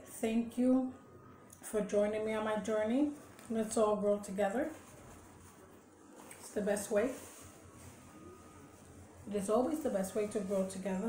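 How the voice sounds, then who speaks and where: A woman hosting a mukbang eating show, chatting casually with slow words and contented hums between bites, at home. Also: medium pitch. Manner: slow, relaxed, murmurs and hums while eating. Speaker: mukbang host. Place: home, indoors. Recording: echoey room with faint hum.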